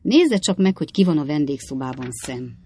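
Woman reader as genial older gentleman; courteous, formal; audiobook. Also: low-pitched, very animated, husky, exaggerated voice.

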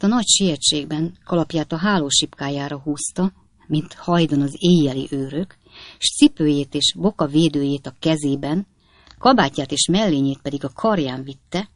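A man reading a classic novel aloud as audiobook narrator, in measured storytelling. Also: on the high side, no room sound. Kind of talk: scripted narration.

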